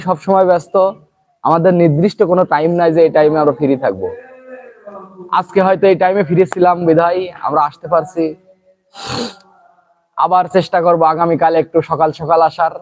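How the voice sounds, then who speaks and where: A Bangladeshi man with a Pabna accent who hosts his own channel, singing a folk song loudly and then chatting quickly and casually with his viewers. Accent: Pabna Bengali. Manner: sings a folk song in a high strained voice, then chats quickly. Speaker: channel host. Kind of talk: casual live chat with singing.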